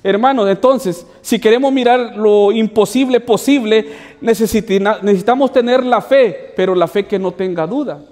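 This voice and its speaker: High-voiced preaching pastor, man. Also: moderate pace, darkish tone. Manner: preaching with repeated "hermanos" asides and rhetorical questions. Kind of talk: sermon. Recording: long hall reverb.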